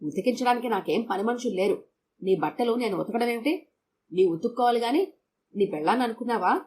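A woman voicing a sharp-tongued young working woman who answers curtly and quickly. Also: a little high, animated, slight background noise, lightly acted. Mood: scornful. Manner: curt, quick, snappish.

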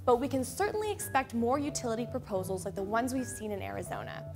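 A young woman hosting a scripted explainer in a studio, speaking clearly and upbeat into a lapel mic. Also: on the high side, big pitch swings, fast, music in the background. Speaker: host. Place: studio with a plain gray backdrop.

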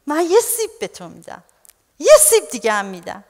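A woman's voice: on the high side, wildly swooping pitch, darkish tone, long reverb tail. A woman voicing a coaxing, exasperated math teacher.

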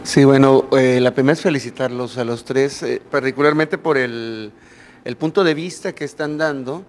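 A man's voice: mid-range voice, normal speed, a little hiss or hum. A Mexican-accented man stands in the audience and talks into a handheld mic, friendly and loose. He rambles a little and leans on fillers between his points, in a conference hall. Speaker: audience member. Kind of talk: question from the floor.

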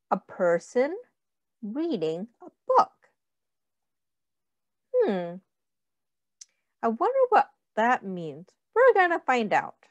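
Reading a picture book aloud to young children, a middle-aged woman uses simple, deliberate phrasing and poses questions to her listeners. Her voice is on the high side, with no echo.

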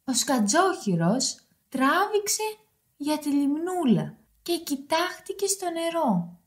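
A woman reading a storybook aloud for children in an expressive, sing-song way. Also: high-pitched. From Greece.

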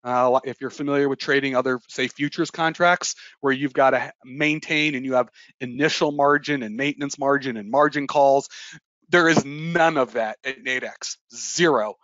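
A man giving an emphatic, energetic webinar presentation as a trading educator, with frequent fillers. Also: medium pitch, normal speed, no room sound. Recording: dull, dry lo-fi webinar audio.

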